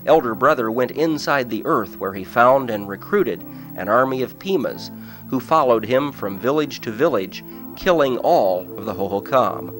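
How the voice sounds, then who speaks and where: A man giving scripted documentary narration in a measured, explanatory way. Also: mid-range voice, animated, fairly bright tone, soft background music.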